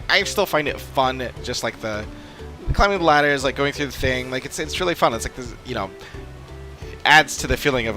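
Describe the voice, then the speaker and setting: His mid-range voice comes out pushed and bright as he live-streams an online role-playing game. The man rambles casually without a script, thinking aloud over game music.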